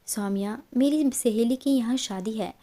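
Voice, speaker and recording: A woman's voice: on the high side, a little slow, dark tone. A woman voicing a caring mother. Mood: soothing. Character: caring mother comforting her daughter.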